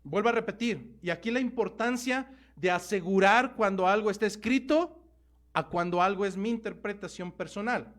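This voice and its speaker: A man with a Mexican Spanish accent preaching a sermon as pastor, emphatic, slowing down to stress key words. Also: sits high, a bit bright.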